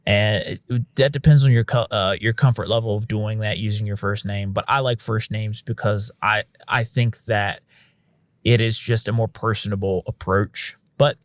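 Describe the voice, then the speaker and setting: Casting: male paramedic on a podcast, lowish voice, frank and casual, dry close sound. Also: fairly even intonation, normal speed, no echo. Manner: frank, conversational, uses occasional swearing; acts out quotes of what he'd say to patients. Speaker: paramedic and instructor.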